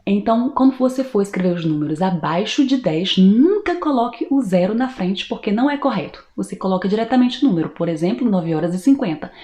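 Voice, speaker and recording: A Brazilian woman gives a patient online language lesson, explaining step by step and slowing down to model each word. Her voice is mellow and warm, and it rings in a roomy, echoey space. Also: mid-range voice, lo-fi sound. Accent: Brazilian Portuguese. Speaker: French teacher.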